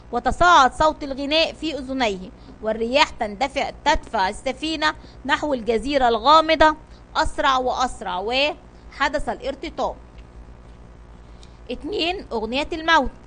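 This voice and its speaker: A woman's voice: sits high, a bit bright, slight background noise. A woman narrating a children's audio story in a dramatic storybook reading style.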